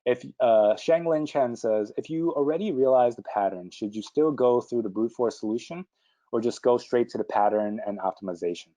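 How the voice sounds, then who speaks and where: A man presenting a live webinar, answering viewer questions quickly and informally, with frequent fillers and restarts. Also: medium pitch, dark tone, poor audio.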